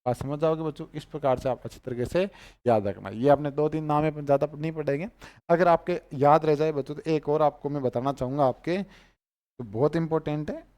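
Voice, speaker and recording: A man's voice: fairly high pitch, brisk, a little mellow. A man with a Rajasthani Hindi accent teaching chemistry, repeating each name and quizzing his students on it. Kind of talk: chemistry class lecture.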